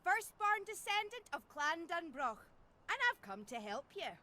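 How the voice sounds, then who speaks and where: A woman's voice: very high-pitched, very animated, unhurried, sharp tone, heavily acted. A woman voicing a bold young Scottish princess in a video game, with a Scottish accent and a proud, declaring manner.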